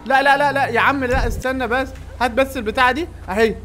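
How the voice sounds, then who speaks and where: Man, Egyptian accent, gameplay commentary, fast talker, bright tone, shouts at characters. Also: very high-pitched. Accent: Egyptian Arabic. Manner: excitable, yells at game characters. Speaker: gaming YouTuber.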